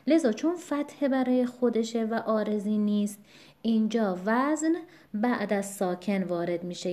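Woman teaching Quran recitation, mellow voice. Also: medium pitch. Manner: explains calmly, then slowly recites each example. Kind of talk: explanatory lesson with slow recited examples.

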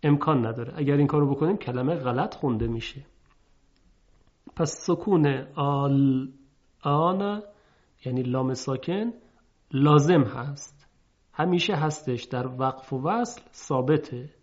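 A man teaching Quran recitation in a measured, explanatory way, slowly drawing out example words to show their sound. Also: mid-range voice, darkish tone. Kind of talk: recorded lesson lecture. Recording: muffled lo-fi recording.

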